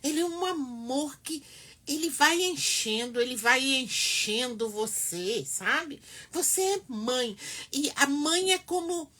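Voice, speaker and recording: A middle-aged woman giving earnest, emphatic advice to mothers, with dramatic pauses. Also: high voice, bright, forceful tone. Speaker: family counselor speaking to mothers. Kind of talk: heartfelt advice talk to camera.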